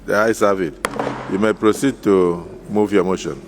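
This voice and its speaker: Nigerian male presiding officer, lowish voice, deliberate procedural chairing, faint background noise. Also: steady tone. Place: legislative chamber.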